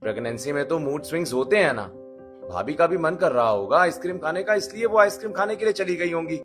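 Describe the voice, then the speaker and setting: A man's voice: on the high side, lively intonation, fast talker, a bit bright, faint music behind. A man voicing a young brother-in-law who defends his sister-in-law in a cartoon story. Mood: defending. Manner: reasoning, defending.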